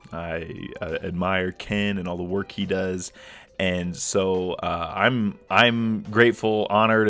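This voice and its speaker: A livestream host with a low but fairly bright voice talks casually and rambles, using lots of fillers and often restarting his sentences. He sounds a little sniffly and congested from a cold.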